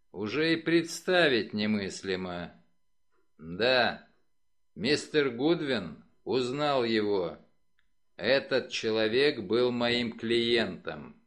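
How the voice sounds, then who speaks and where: A man reading an audiobook, voicing a portly, aloof male detective in a low, clipped, grave tone.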